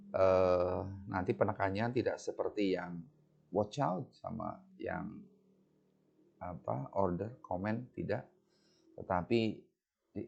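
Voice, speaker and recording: A man's voice: fairly low pitch, creaky, mellow. A man with an Indonesian accent teaching English grammar, patiently explaining in a bilingual lecture and reading the English examples aloud. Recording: dull lo-fi recording.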